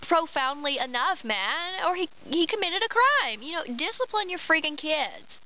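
Here her voice sits high and swings widely in pitch, pushed and bright at a moderate pace. She's a twenty-something vlogger with a Southern Kentucky accent, giving casual opinions to her camera outdoors among pine trees and laughing often. Recorded on a camera mic in head-and-shoulders framing, the outdoor sound is dull and lo-fi with clear background noise.

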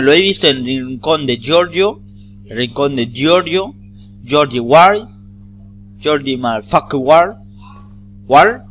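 Spanish guy from spain doing gameplay, bright voice, rambles and swears, game music behind. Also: fairly high pitch. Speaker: gamer. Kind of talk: casual gameplay commentary.

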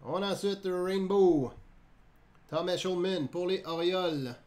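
A man's voice: sits high, takes it slowly, a little mellow. Chatty Québécois man opening cards. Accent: Quebec French. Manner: chatty, laughs often, jokes with live viewers. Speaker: card break host. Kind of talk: live card-opening commentary.

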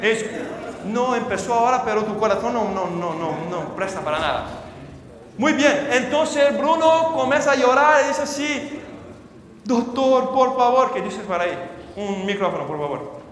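A man preaching a sermon as a story, often checking in with the audience through quick questions and halting restarts. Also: high voice, sing-song, fairly bright tone. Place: church hall. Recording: reverberant church hall.

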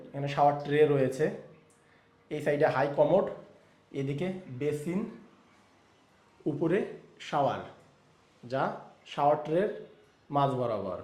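A man giving a walkthrough tour of a flat for sale, talking straight to viewers and pointing out each room's features. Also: on the high side. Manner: speaks softly in the child's bedroom so a sleeping baby isn't woken. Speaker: real estate agent giving a flat tour. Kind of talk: walkthrough property tour narration. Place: inside an apartment, moving room to room.

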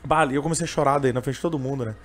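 A man's voice: medium pitch, racing. A young man with a gaúcho Portuguese accent telling his story in a casual interview, rambling and emotional, full of fillers. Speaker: interviewee, train vendor and singer.

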